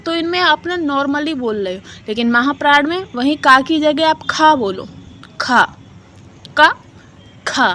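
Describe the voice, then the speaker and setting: A woman's voice: sits high, normal speed, few pauses, sharp tone, a little hiss or hum. A woman teacher giving an exam-prep lesson, asking her own questions and answering them, repeating syllables aloud to demonstrate sounds and mixing English words into her talk. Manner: mixes English words into Hindi.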